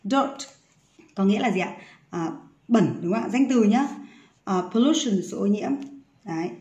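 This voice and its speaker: A woman's voice: mid-range voice, expressive, normal speed, mellow, reverberant. A woman English teacher going through an exercise, patiently asking many rhetorical questions.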